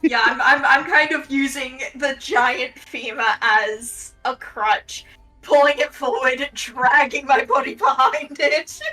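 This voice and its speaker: High, bright-voiced woman player. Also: fairly even intonation, slow pace, recorded from a distance, soft background music, low-quality recording. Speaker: tabletop game player.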